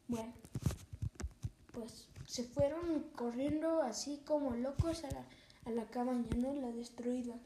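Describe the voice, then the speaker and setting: A woman's voice: high-pitched, heavy background noise. A woman telling an improvised horror story, rambling and correcting herself, often dropping to a whisper.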